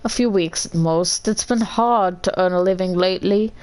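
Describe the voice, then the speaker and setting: A woman's voice: on the low side, normal speed, a little mellow, close to an everyday voice. A woman voicing a struggling male tavern keeper in a put-on accent she cannot place, giving defensive, hesitant excuses. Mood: pleading.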